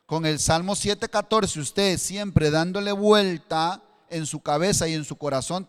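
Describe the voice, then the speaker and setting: A man's voice: high-pitched, clean tone, in a large hall. A male pastor with a Costa Rican accent preaching a sermon, building to fervent emphasis and using a matchstick as a demonstration. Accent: Costa Rican Spanish. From Costa Rica.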